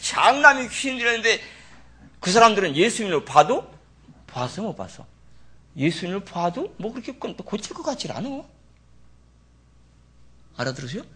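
A pastor preaching a sermon in an animated, folksy way. He speaks to the congregation with dialect asides. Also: high voice, moderate pace, pauses often, breathy edge. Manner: animated, acts out Bible figures in dramatic voices.

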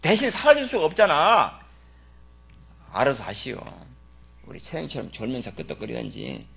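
A man preaching a sermon as pastor, folksy and teasing, swinging from loud exclamations to muttered asides. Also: medium pitch, wildly swooping pitch, moderate pace, gravelly, husky.

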